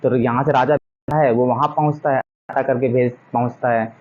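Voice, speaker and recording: A man's voice: medium pitch, fairly even intonation, normal speed. Man lecturing a class, dull lo-fi sound. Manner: mixes English textbook phrases into casual Hindi explanation, many rhetorical questions. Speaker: teacher. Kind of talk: classroom lecture explaining a textbook. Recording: dull lo-fi recording.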